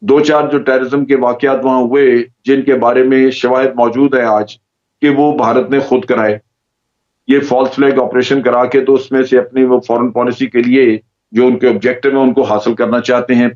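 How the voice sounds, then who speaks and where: A man with a Pakistani Urdu accent, a judge giving measured, explanatory answers as a guest on a TV current-affairs program. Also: medium pitch, level tone, darkish tone. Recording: slightly dull lo-fi audio.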